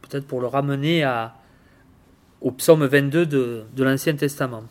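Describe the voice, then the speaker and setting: A man giving informal Bible teaching, halting and repeating words, often asking his listeners questions. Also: medium pitch. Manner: halting, repeats words, tags phrases with "hein"; addresses listeners directly with questions. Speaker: preacher.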